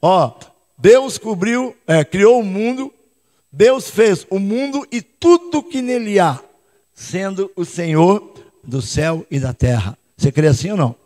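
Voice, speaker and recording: A man with a Brazilian accent, a pastor preaching a lively sermon and calling on the congregation to answer, sometimes shouting, sometimes speaking quietly. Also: sits high, a little slow. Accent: Brazilian Portuguese. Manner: calls out to the congregation, prompts responses; switches between loud shouts and quiet asides. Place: church hall. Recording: long reverb of a church hall.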